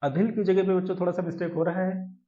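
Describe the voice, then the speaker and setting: Male exam-prep tutor, high voice, quizzing style, roomy lo-fi recording. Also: fairly even intonation. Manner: addresses students as "children", quizzes them, chants verse slowly. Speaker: teacher. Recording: echoey room, dull lo-fi sound.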